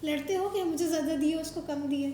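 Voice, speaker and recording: A woman's voice: sits high, fairly quick, dark tone, a little hiss or hum. A woman from Pakistan hosting a show, chatting with children in a playful, coaxing way and teasing them with questions. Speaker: show host interviewing children. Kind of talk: casual chat with children. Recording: roomy echo.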